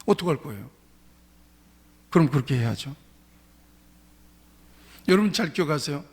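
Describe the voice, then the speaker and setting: A man's voice: fairly high pitch, lively intonation, moderate pace, breathy edge. A male pastor preaching a sermon in a church sanctuary, emphatic, often repeating his key phrases. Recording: reverberant church hall.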